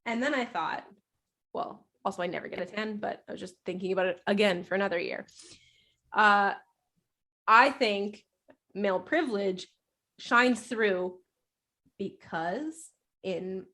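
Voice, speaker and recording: A woman's voice: mid-range voice, measured pace, long pauses, pushed and bright. A woman co-hosting a podcast, chatty and giggly in casual conversation. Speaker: podcast co-host. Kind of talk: casual chat.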